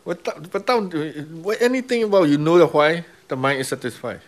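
In a teaching exchange with students, a man from Myanmar leads meditation in broken, simple English with a Burmese accent, repeating key words and frequently asking "right?". His voice sits on the high side, swinging widely in pitch, and he speaks briskly.

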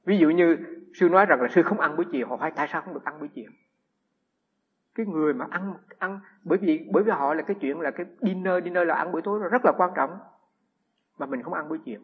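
A man, a Buddhist monk giving a humorous storytelling sermon with lively anecdotes and frequent restarts. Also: fairly high pitch, fast, slightly rough. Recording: echoey hall, dull lo-fi sound.

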